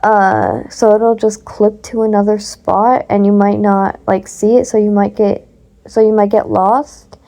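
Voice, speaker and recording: A woman's voice: medium pitch, expressive, measured pace, dark tone. A woman chatting casually with many fillers, then reading her own story aloud.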